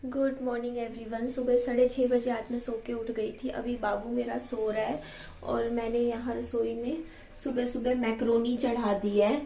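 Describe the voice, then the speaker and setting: Chatty young woman, rather high voice. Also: little pitch movement, moderate pace, gravelly, dark tone, reverberant. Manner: chatty, rambling and homely. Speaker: vlogger and mother. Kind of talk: casual chat to camera. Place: home kitchen.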